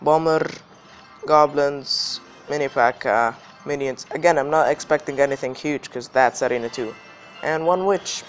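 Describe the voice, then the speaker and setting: A man's voice: medium pitch, normal speed, faint music behind. A man hosting a gaming video with casual gameplay commentary, his voice slightly affected by illness. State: slightly ill voice.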